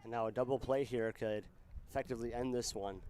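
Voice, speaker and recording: A man's voice: mid-range voice, steady tone, brisk, a little mellow. A man giving color commentary on a baseball game in a conversational way, explaining the game situation.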